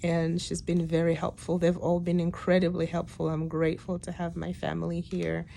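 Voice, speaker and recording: In a casual, reflective video diary from a hospital room, a woman in her late thirties gives a personal health update, sounding weak and tired after surgery, with hesitant, trailing phrases. Her lowish, warm voice is monotone with vocal fry at a moderate pace, and noticeable room noise sits in the background.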